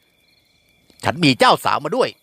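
Rough kidnapper guy talking slow and low, a man doing him, kinda threatening, bright voice. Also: no echo. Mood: menacing. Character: rough menacing male kidnapper in the woods.

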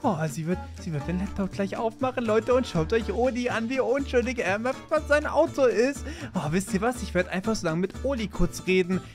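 A woman hosts a game role-play, chatting with her viewers in a slightly high voice. She exclaims often and talks in lively bursts. Music plays clearly behind her. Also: brisk, hardly any pauses. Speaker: channel host playing the lead. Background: background music.

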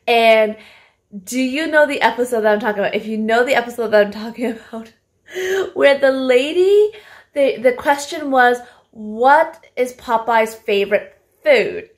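In her kitchen at home, a thirty-something Canadian vlogger talks casually into her phone camera at arm's length, wandering through what she bought at the grocery store. She laughs a lot, and her voice sits on the high side at a moderate pace.

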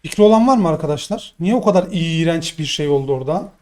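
A young man commentating his own gameplay live, excitable and swearing in frustrated outbursts. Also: fairly high pitch, fast. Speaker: gaming streamer.

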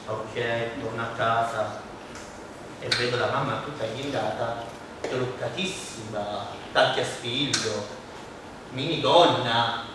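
A man's voice: medium pitch, slow, noisy background. Man telling a theatre monologue. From Palermo. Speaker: stage actor in a one-man show. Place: theatre stage. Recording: echoey stage from far off.

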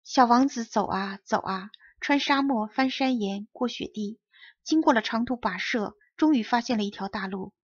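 A woman narrating a children's story as an audiobook reader, with clear, even storytelling. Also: on the high side, normal speed, no room sound. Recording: dull lo-fi recording.

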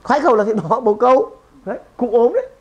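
A man giving a lively seminar talk to an audience, emphatic and punchy, often firing questions at the room. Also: very high-pitched, fast talker, husky. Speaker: seminar speaker and trainer.

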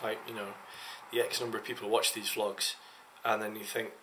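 Young man, tired, hesitant and rambling, low voice, crisp bright tone, home office webcam. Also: level tone, fairly quick, a little hiss or hum. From England. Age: young adult. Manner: rambling, hesitant, many fillers. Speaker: vlogger. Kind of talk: casual vlog to camera. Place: small home office room. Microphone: webcam at desk.

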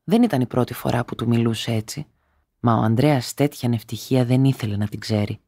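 A man reading a classic story aloud in a steady, measured way. His voice sits at a middle pitch. The recording is dry and close, with no room sound. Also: dry recording. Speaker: narrator. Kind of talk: literary audiobook narration.

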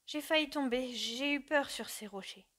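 A woman voicing a distressed middle-aged mother who speaks softly and hesitantly. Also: sits high, moderate pace, pitched above the performer's own voice. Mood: trembling. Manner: soft, trembling, hesitant.

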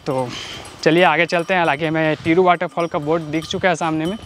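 A young man in his twenties with a fairly high voice chats through a casual travel vlog, calling his viewers brother as he goes. He speaks into a handheld action camera out on roads and trails. Clear outdoor noise sits behind him. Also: steady tone, fast, fairly bright tone, poor audio. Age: 20s. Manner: chatty, keeps addressing viewers as brother. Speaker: travel vlogger. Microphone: handheld action camera and bike-mounted camera.

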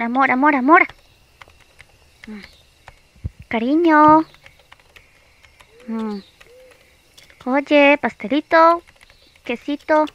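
A woman playing a playful, pouty young girlfriend in an ASMR role-play, speaking slowly and coaxingly with teasing hums and pauses. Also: high-pitched, dull audio. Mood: needy, pestering.

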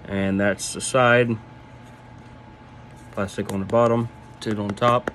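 A man in his twenties giving a casual, halting, laid-back product review while talking with a lip full of dip. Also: lowish voice, level tone, a bit bright, slight background noise. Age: 20s. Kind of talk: casual vlog review, off the cuff. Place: small room indoors. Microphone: phone at arm's length.

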